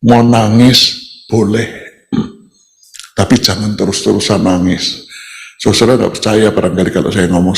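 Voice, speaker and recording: A retired pastor, giving a folksy sermon with self-deprecating humor. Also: male voice, on the low side, vocal fry. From Indonesia. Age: 70s.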